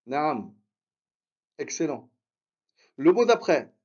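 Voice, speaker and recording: A man teaching Arabic reading in a live online lesson, encouraging his students and drilling syllables slowly with much repetition. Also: a little high, sing-song, darkish tone, highs cut off.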